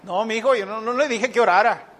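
A man's voice: high-pitched, brisk, fairly bright tone. A man preaching a sermon, asking the congregation rhetorical questions and mimicking whiny believers.

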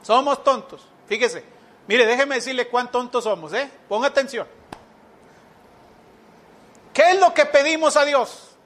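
A man's voice: very high-pitched, animated, a little slow, pauses often, fairly bright tone. A man preaching a sermon, asking the congregation rhetorical questions and mimicking whiny believers.

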